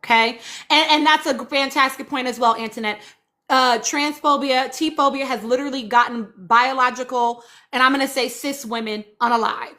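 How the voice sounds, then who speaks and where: A woman with a bright, high voice hosts a live stream, reading and answering audience comments at normal speed with a steady tone. Her impassioned, informal commentary is emphatic, repeating phrases for stress as she urges listeners on.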